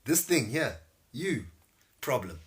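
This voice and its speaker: A man teaching casually on a livestream, animated, repeating words and laughing often. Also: medium pitch, slow pace. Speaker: spiritual teacher streaming live. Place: home livestream setup.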